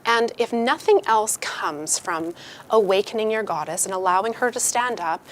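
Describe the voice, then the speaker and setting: A woman's voice: medium pitch, animated, normal speed, slight background noise. A woman giving a casual motivational talk to a live group, candid and chatty, swearing freely and acting out the voices of people she quotes. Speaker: workshop speaker.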